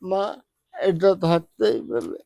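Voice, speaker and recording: A middle-aged man from West Bengal, crying as he pleads for help in a halting voice. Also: fairly high pitch, animated, gravelly, dark tone, no room sound. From West Bengal, India. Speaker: man asking for donations. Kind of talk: emotional plea.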